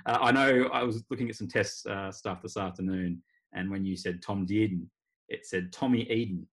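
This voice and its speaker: An Australian man with a fairly low voice hosts a casual sports chat. He rambles along wryly, in a conversational podcast style. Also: moderate pace. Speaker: podcast host. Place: remote video call.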